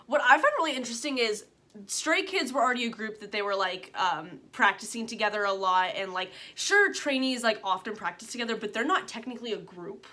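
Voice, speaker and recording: A woman's voice: on the high side, brisk, bright, forceful tone. A woman hosting a casual reaction chat, explaining things to her sister in a rambling way, full of fillers and restarts. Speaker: channel host explaining K-pop to her sister.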